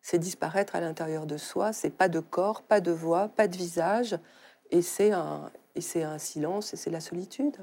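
Middle-aged woman, novelist guest; mellow, unhurried, searching for words. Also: lowish voice. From Algeria. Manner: thoughtful, halting with many fillers. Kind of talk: studio talk show conversation.

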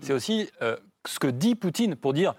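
A man hosting a studio debate, putting lively, quick questions to his guests. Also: a little high, breathy edge, no room sound. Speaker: host.

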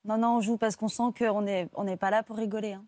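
A woman's voice: mid-range voice, a little fast, no echo, clean studio sound. A woman from France, an actress and stand-in, telling her stories as a talk show guest with many fillers. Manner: lively storytelling with many fillers.

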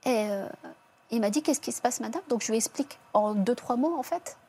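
A woman giving a personal testimony in an interview, telling it quietly and haltingly, with many restarts and self-corrections. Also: on the high side, slight background noise.

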